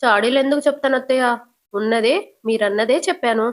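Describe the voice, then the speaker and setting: A woman's voice: on the high side, fast talker, close to an everyday voice. Woman voicing an earnest young daughter-in-law. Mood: insistent. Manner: earnest, insistent.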